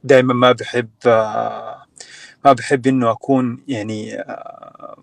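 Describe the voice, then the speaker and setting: A man's voice: mid-range voice, little pitch movement, moderate pace, creaky, no room sound. A young man from Sudan telling his story as a guest in a casual online chat, with many fillers and restarts. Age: young adult.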